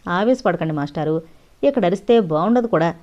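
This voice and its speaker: Woman doing a calm guy trying to soothe things, muffled recording. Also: fairly high pitch, brisk, voice pushed up, close to an everyday voice. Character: calm man, soothing and reasonable. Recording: dull lo-fi audio.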